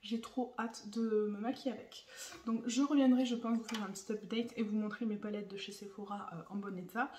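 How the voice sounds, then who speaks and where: A young woman vlogger unboxing makeup in casual chat, gushing and excitable as she talks to her viewers. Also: mid-range voice, a little fast, a little hiss or hum. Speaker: beauty vlogger. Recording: echoey room, voice a bit far from the mic.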